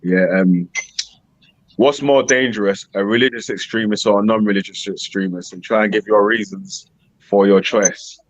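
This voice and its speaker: A man's voice: fairly low pitch, steady tone, moderate pace, dry recording, muffled recording. A man with a London roadman accent hosting a casual panel, talking in street slang and tagging his points with little questions. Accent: London street slang (roadman) English. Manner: slangy, frequent tag questions. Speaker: host moderating a panel. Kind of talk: casual live panel chat.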